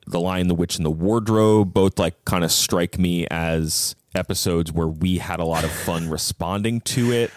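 A low-pitched man, himself a podcast host, appears as a guest in a casual book discussion, explaining his points thoughtfully and conversationally. The sound is dry and studio-clean.

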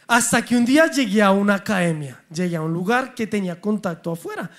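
A young man with a Colombian accent preaches with a fairly high voice. He tells personal stories in an animated, humorous way, acting out dialogue as he goes. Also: fast talker.

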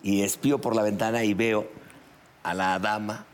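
A man's voice: on the low side, moderate pace, slight background noise. A man with a Mexican accent, a podcast co-host telling a story in casual chat and acting out the quotes. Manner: animated storyteller, acts out quotes.

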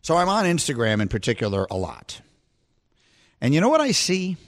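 A radio host in his fifties delivers an opinionated, mock-outraged rant. His voice sits high for a man and swings widely in pitch as he builds his point. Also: wildly swooping pitch, a little fast. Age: 50s. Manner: mock-outraged ranting, rising and emphatic.

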